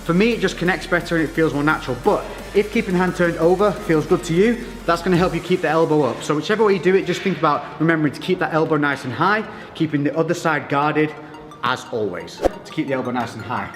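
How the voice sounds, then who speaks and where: Male boxing coach, slightly high voice, informal step-by-step workout instruction, reverberant space. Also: fast. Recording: echoey reverberant room with music.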